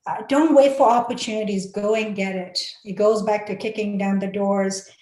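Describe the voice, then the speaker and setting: A Malaysian woman on a webinar panel gives a sincere motivational talk in a medium-pitched, steady, slightly mellow voice at normal speed. She's earnest and encouraging, with frequent fillers and restarts, and the line carries a roomy echo.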